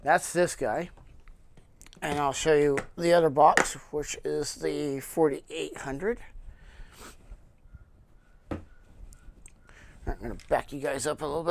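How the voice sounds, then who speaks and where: A man hosting his own channel, casually showing his equipment cases off camera, with lots of fillers and frequent throat clearing. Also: a little high, fairly even intonation, takes it slowly, long pauses, background noise. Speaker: channel host reviewing gear cases. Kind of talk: casual product show-and-tell. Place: indoor room with cloth backdrop, speaking off camera.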